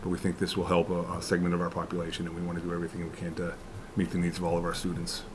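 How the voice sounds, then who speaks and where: A man explaining school costs at a town board meeting, halting and restarting as he goes. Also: low-pitched, monotone, background noise. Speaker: school official presenting to select board. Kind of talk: public meeting presentation.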